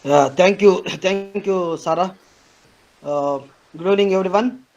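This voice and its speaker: A man, a professor giving a formal, halting vote of thanks over a video call. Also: high-pitched, a little mellow, lo-fi sound. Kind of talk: formal webinar speech.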